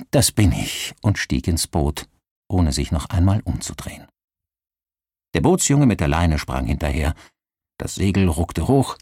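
Deep-voiced male audiobook narrator. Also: husky, no echo, studio quality. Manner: expressive, story-reading delivery.

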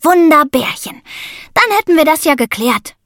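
A woman voicing an exuberant, cuddle-loving young boy who talks in squeaky, gushing, drawn-out words. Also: animated, a bit bright, no echo, clean studio sound.

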